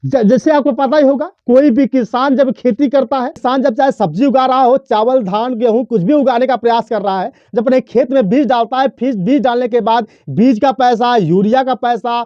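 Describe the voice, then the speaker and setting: A man's voice: very high voice, moderate pace, hardly any pauses, no room sound, lo-fi sound. A man presenting explanatory news commentary, emphatic and rhetorical, addressing listeners directly.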